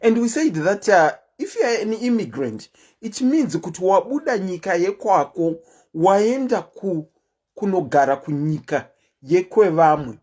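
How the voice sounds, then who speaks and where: Unhurried yet animated, this livestream host, a woman with a deep Zimbabwean-accented voice, chats casually and tells stories.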